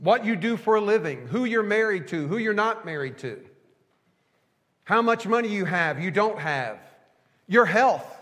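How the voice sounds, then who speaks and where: A male pastor delivering a sermon in a folksy storytelling way, pausing between phrases to let them land. His voice sits high for a man. A long reverb from the sanctuary trails behind every word. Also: expressive, fairly bright tone. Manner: folksy storytelling, drawn-out rhetorical pauses.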